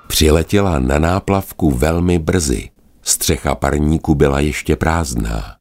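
A man narrating a children's animal story in a gentle, expressive manner. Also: extremely low pitch, gravelly.

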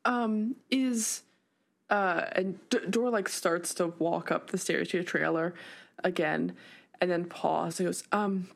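Slow, husky, creaky woman at game. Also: fairly low pitch, fairly even intonation. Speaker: tabletop game player. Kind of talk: casual in-character role-play.

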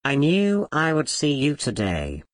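A frail, malevolent old grandfather, as a male narrator puts him on, sly and taunting. His pitch rises and falls in a lively way, and the sound is dry and close. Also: measured pace, no echo. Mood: knowing.

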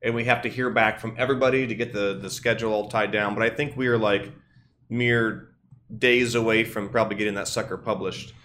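A man's voice: lowish voice, fairly even intonation, brisk, fairly bright tone, slight background noise. A man co-hosting a podcast, chatting in a jokey, colloquial and teasing way. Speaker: podcast co-host. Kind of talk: casual, joking podcast chat.

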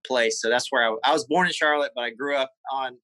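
A man with a Southern US accent, a guest in a personal interview, talking haltingly with many fillers and repeated words. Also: mid-range voice, pushed and bright, no room sound, poor audio. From South Carolina.

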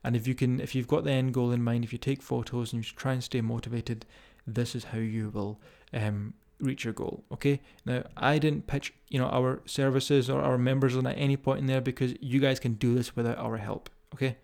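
Strong Scottish accent, male fitness podcaster, gravelly creak, mid-pitched, informal, speaking straight to listeners. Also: fairly even intonation, brisk, few pauses, darkish tone. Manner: informal, directly addressing listeners. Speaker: fitness coach hosting a podcast. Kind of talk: casual motivational podcast talk.

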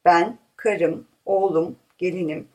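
A woman's voice: lowish voice, slow, poor audio. A woman reading a play, voicing plain village men who list the people in their homes matter-of-factly. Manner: flat, matter-of-fact listing.

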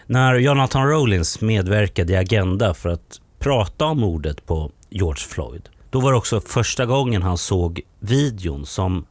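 A man hosting a podcast, calmly narrating and asking interview questions. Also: lowish voice, normal speed, few pauses, no room sound. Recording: faint guitar music behind. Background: guitar music.

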